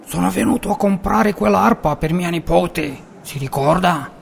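A man voicing an honest, anxious old grandfather craftsman with a creaky voice in a storybook. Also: sits high, normal speed, big-room sound, a little hiss or hum, voice pushed up. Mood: dismayed. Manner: fretful and pleading.

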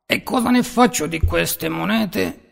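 Man doing a creaky, fretful old grandpa. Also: sits high, measured pace, long reverb tail, voice pushed up, exaggerated voice. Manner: fretful and pleading. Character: honest anxious old grandfather craftsman.

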